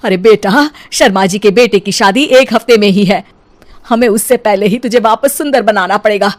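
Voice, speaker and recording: A woman's voice: medium pitch, moderate pace, natural voice. A woman voicing a proud middle-aged mother-in-law in a cartoon story, motherly but chiding and emphatic. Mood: urgent. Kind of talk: cartoon story character acting.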